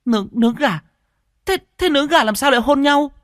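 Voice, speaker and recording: A man's voice: extremely high pitch, expressive, a little fast, fairly bright tone, dry recording, clean studio sound, pitched above the performer's own voice. A man voicing a hot-tempered, jealous young woman who stammers and shrieks when upset. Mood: accusing.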